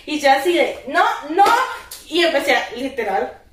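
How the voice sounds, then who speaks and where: A Costa Rican woman in her twenties telling a story in casual chat, animated and slangy, acting out her own shouts. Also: sits high, moderate pace, reverberant, far from the mic. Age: 20s.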